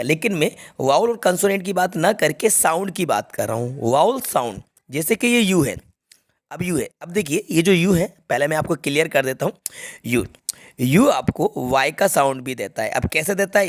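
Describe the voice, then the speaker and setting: A young man teaching an English grammar lesson to students, explaining step by step and checking that they follow. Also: on the high side. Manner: explains step by step, repeats key points, checks students understand.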